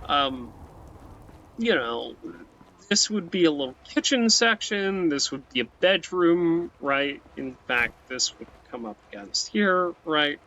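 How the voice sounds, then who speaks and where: Slow and expressive, with a slightly high, sharp-toned voice, the let's play host rambles casually through his gameplay. He tends to tack "right?" onto his lines and start sentences over. Faint hiss sits under the muffled audio.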